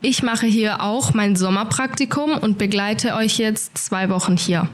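A nineteen-year-old woman training as a childcare worker introduces herself in a friendly, eager way. Her voice sits at an ordinary pitch. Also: measured pace. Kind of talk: casual interview answers.

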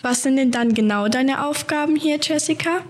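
A woman's voice: sits high, normal speed. A woman interviewing carers, asking short, polite questions.

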